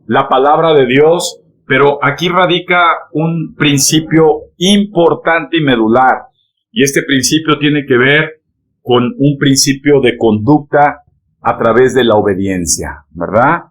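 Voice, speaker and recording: A man's voice: medium pitch, slow, fairly bright tone. A male pastor delivering a sermon, speaking directly to the congregation and constantly checking in with rhetorical questions. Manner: emphatic preaching, peppered with rhetorical "¿verdad?" and "¿amén?" checks; addresses the congregation directly, telling them to turn to each other.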